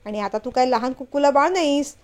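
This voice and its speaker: A woman's voice: sits high, brisk, natural voice. Woman voicing a stern scolding young husband. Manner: scolding, firm, louder.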